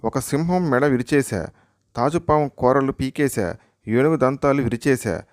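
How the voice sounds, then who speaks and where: A man's voice: medium pitch, moderate pace, no room sound, clean studio sound, close to an everyday voice. A man voicing a young boy who brags about his feats. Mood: boastful. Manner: boasting. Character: bragging young boy, show-off.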